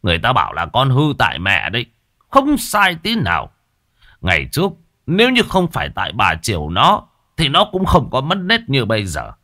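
A man playing a stubborn, furious village father who scolds his wife fast and loud. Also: mid-range voice, huge pitch swings, voice pushed up, heavily acted. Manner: scolding, rapid and shouting.

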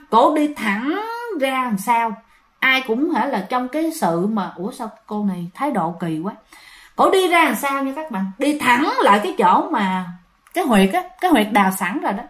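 A woman with a Southern Vietnamese accent, casually telling a ghost story as host and often speaking straight to her listeners. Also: high-pitched. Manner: chatty, addresses listeners directly, many fillers.

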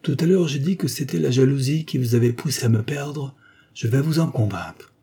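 A man's voice: mid-range voice, normal speed, dark tone, husky, voice pushed up. A man reading the part of a proud, scornful young former governess, with a cold, ironic, cutting delivery. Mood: mocking. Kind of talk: audiobook dialogue reading.

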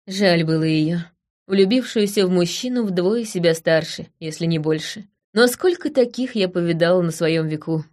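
A woman reading a fantasy novel aloud in the first person, with brisk, tense storytelling. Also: fairly low pitch, a little mellow. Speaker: audiobook narrator. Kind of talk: scripted first-person narration.

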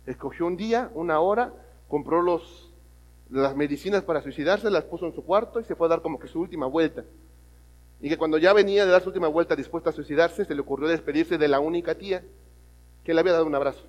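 A man preaching a sermon, telling a story and swinging from loud emphatic lines to hushed ones. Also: a little high, lo-fi sound. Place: church hall. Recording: long reverb of a church hall.

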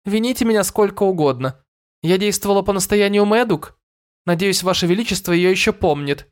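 A man's voice: fairly high pitch, lively intonation, moderate pace, voice pushed up, natural voice. A nonchalant fairy woman, as a male narrator puts her on, in a voice lifted well above his own. She sounds cool and offhand. It is read like a storybook.

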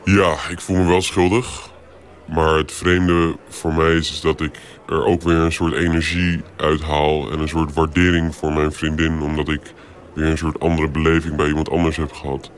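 A man in his twenties, an anonymous interviewee whose voice is distorted and pitched down very deep so he cannot be recognised, speaking hesitantly with many filler sounds. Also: flat delivery, normal speed. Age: 20s.

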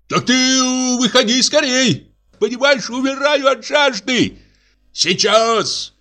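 A man's voice: high-pitched, pushed and bright, voice pushed up, exaggerated voice. A man reading aloud and voicing a tipsy, worn-out husband who coaxes, curses and frets. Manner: wheedling, then cursing and exasperated. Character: tipsy, exhausted middle-aged husband, fussy and pleading.

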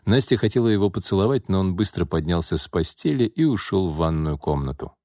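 A man narrating an audiobook in an expressive, scripted reading. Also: low-pitched, fairly quick, no room sound, studio quality.

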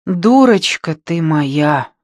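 A troubled young man speaks hesitantly and remorsefully, as a male reader gives him a voice. The delivery is slow and subdued, recorded dry and close. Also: a little high, animated, dry recording.

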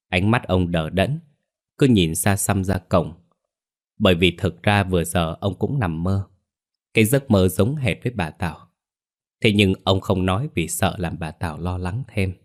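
Deep-voiced male ghost story narrator.

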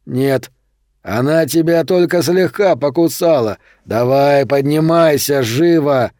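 A man reading an audiobook, voicing a brutal male vampire thug with slow, loud, jeering threats. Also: a little high, no echo, studio quality. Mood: menacing.

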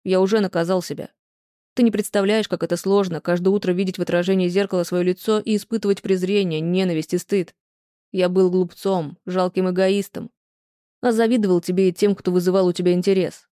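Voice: mid-range voice, steady tone, brisk, mellow, dry recording, close to an everyday voice. An audiobook reader voicing a remorseful ex-husband who pleads and reproaches himself in a plain, close, dry read. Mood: pleading. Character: remorseful ex-husband pleading with his former wife.

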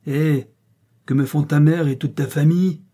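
A man's voice: fairly high pitch, measured pace, dark tone, breathy edge, voice pushed up. A man voicing a ruthless, commanding man who barks orders and harsh threats in an adventure audiobook. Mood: angry.

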